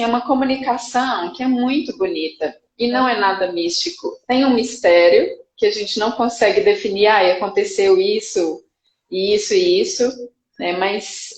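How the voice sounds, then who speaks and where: A woman, a psychologist guest, speaking thoughtfully and calmly on a live video call. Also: medium pitch, reverberant, rough recording. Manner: thoughtful, measured, some restarts. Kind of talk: casual reflective live chat.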